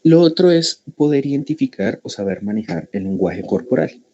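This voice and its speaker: A man's voice: medium pitch, big pitch swings, normal speed, mellow, highs cut off. A man with a Colombian Spanish accent giving a workshop talk to parents, explaining step by step and often checking in with "¿cierto?" and "¿sí?". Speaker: school family workshop speaker.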